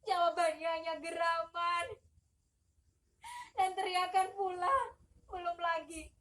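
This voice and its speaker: A woman's voice: extremely high pitch, flat delivery, slow, fairly bright tone, exaggerated voice. A young woman acting in a stage monolog, playing an abused, imprisoned female migrant worker who speaks with passion, cries out and sobs. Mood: anguished, sobbing. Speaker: student actor. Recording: distant mic.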